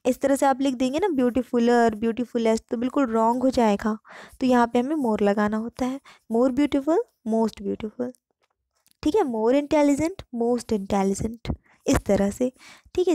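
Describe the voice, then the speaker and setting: A woman teaching English grammar in Hindi. She reads the English example sentences slowly and clearly. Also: on the high side, dark tone, dry recording, studio quality. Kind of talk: online grammar lesson.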